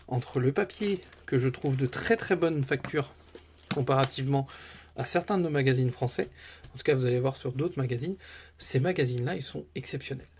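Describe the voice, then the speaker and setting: A man's voice: medium pitch, darkish tone, slight background noise. A man chatting casually to his viewers as a collector, enthusiastic and rambling, with many fillers and restarts. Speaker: card collector YouTuber. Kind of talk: casual chat to camera.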